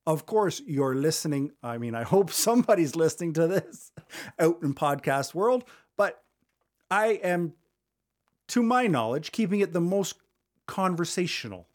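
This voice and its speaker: A fast-talking man hosts a solo podcast, speaking into a studio microphone in a small studio. His voice sits a little higher than most men's, and his delivery is loose and conversational rather than scripted. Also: animated. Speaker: podcast host. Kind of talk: solo podcast advice talk.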